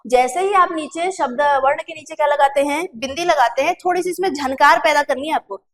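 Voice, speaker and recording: Woman exam-prep tutor, Chhattisgarh Hindi accent, high voice, patient step-by-step explainer. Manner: explains step by step, asking and answering her own questions; slows to drawn-out pronunciation drills. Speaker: teacher. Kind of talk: exam-prep classroom lesson.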